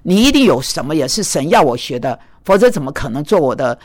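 Woman preacher, blunt, scolding, lower-pitched voice, animated delivery. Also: fast. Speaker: preacher and mentor. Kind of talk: sermon. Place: speaking in Manhattan.

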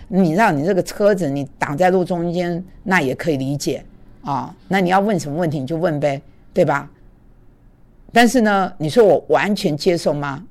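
A woman telling a personal story in a casual devotional talk, animated and chatty, with many fillers. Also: low voice.

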